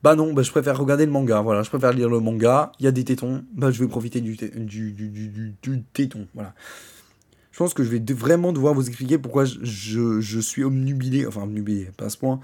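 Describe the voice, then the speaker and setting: A man's voice: medium pitch, quick pace, darkish tone. A man hosting a podcast, ranting in a crude, profane and sarcastic way, often stumbling into restarts. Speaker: podcast host.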